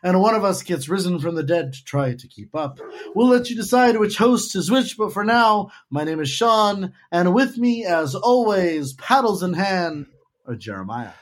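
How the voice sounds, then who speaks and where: A man hosting a casual podcast, talking fast and playfully pompous. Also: sits high, expressive. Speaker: podcast host.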